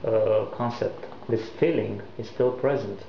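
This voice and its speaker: A man's voice: fairly low pitch, measured pace, gravelly, a little hiss or hum. A man from Romania, asking interview questions and pushing back, with fillers. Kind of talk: conversational interview. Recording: roomy, slightly muffled recording.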